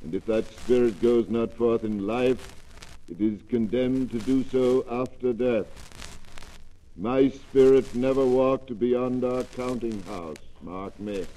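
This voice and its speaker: A mournful ghost of a dead miser, as a male reader puts him on, speaking low, slow and hushed. The voice is dark and mellow, with the weight of a solemn warning in a storybook reading. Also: natural voice, rough recording.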